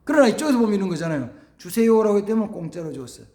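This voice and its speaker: A man preaching a sermon as pastor, animated, acting out family dialogues and dropping to near-whispers for emphasis. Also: high-pitched, very fast, roomy sound. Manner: animated, acts out family dialogues in shifting voices. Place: church sanctuary.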